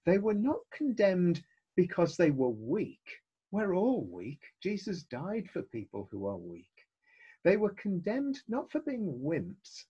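A middle-aged man preaching a recorded sermon in an unhurried, deliberate way. His voice is slightly husky, and he speaks with earnest conviction, now and then dropping in a wry aside. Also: medium pitch, warm tone, rough recording. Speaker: pastor.

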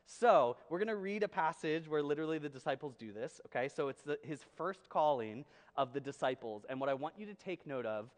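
A man preaches in a church sanctuary, his slightly higher voice carrying a long hall reverb. He talks to the congregation in a relaxed, conversational way, reading scripture and often checking in with questions. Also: a little fast, few pauses. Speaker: pastor.

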